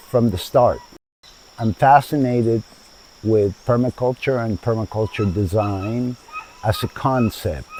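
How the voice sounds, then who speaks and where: A man's voice: lowish voice, mellow, slight background noise, poor audio. A man in his seventies from Chile, the founder of a sustainable community, giving thoughtful interview answers in a garden with frequent hesitations. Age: 70s. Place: outdoors in a garden.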